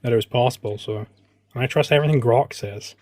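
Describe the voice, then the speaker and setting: A man's voice: mid-range voice, fairly quick, a little mellow. A man chatting as a guest on a livestream, often repeating words as he starts sentences. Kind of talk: casual livestream chat.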